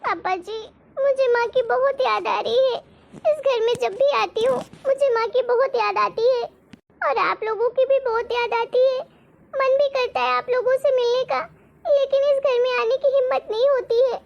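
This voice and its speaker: A woman's voice: very high-pitched, steady tone, normal speed, creaky, lo-fi sound. A woman voicing a grieving married daughter in a cartoon story, speaking in a wistful, sorrowful way. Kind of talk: Hindi cartoon moral-story voice acting.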